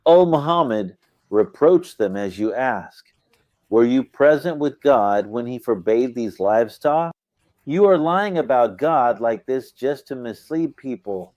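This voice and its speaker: A man's voice: medium pitch, a little mellow, no echo. Man, scripture lesson, explanatory, self-questioning, dry close sound. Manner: explanatory, asks and answers his own questions. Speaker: Quran commentary teacher.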